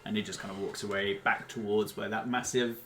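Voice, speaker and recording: A man's voice: on the low side, little pitch movement, fairly quick. A man acting as game master, chatting casually and narrating a tabletop game.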